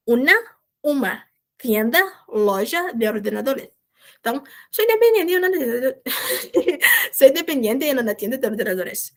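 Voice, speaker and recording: A woman, a volunteer teacher, explaining Spanish vocabulary in an online class and checking in with her students often. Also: on the high side. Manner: explains patiently, checks in with "certo?".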